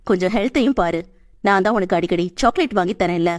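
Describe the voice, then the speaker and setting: A woman reading an audiobook and voicing a stern young male boss who scolds quickly but cares. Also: medium pitch, lightly acted. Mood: gently stern. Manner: scolding, rapid, bossy.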